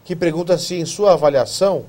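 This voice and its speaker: A man's voice: fairly high pitch, fairly quick, a little mellow. A man hosting a talk show debate, putting a viewer's question to the guests. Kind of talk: moderating a debate.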